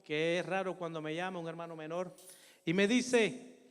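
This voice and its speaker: In a reverberant church hall, an older pastor with a high, smooth voice gives a sermon with personal testimony, speaking at a normal speed in a steady tone. He shares his own story earnestly and with feeling, repeatedly addressing the congregation as brothers.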